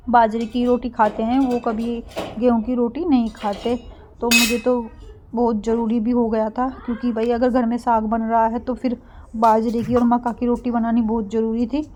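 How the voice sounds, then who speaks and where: A young woman narrating a casual home cooking vlog, speaking softly and getting a bit breathless when she pushes her voice. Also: fairly high pitch, a little hiss or hum. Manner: soft-spoken, gets breathless when speaking loudly. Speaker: vlogger.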